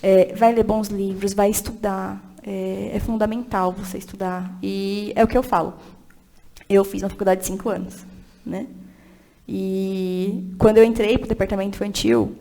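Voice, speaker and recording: A woman who directs a church children's ministry chats animatedly on a casual podcast, laughing often and urging listeners on with emphatic encouragement. Her mid-range voice is dark with vocal fry, fairly even in intonation, at a moderate pace.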